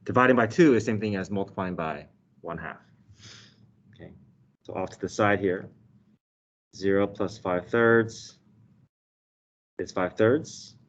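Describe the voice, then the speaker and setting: Low-voiced man teaching math, muffled sound. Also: unhurried, long pauses, a little hiss or hum. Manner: explanatory, checks in with "okay" and "right". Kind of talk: step-by-step calculus lesson. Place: indoors, desk with document camera. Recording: dull, slightly muffled online lesson audio.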